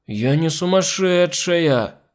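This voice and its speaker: Whiny old nanny lady, as a man puts her on, high and slow, crossing herself type, audiobook. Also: lively intonation, darkish tone. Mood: whining. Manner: whining, superstitious. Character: old frightened woman servant, pious and whining. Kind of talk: audiobook reading.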